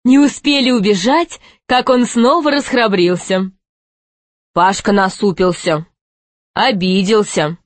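A woman narrating a children's fairy tale in a lively, expressive way. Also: medium pitch, measured pace, dry recording.

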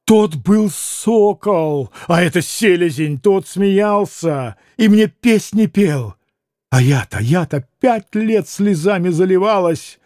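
A man's voice: sits high, expressive, slow, a little mellow, no echo, studio quality. A man reading a proud young woman who breaks into anguished, bitter outbursts. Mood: bitter despair. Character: young woman, proud, hurt, self-reproaching.

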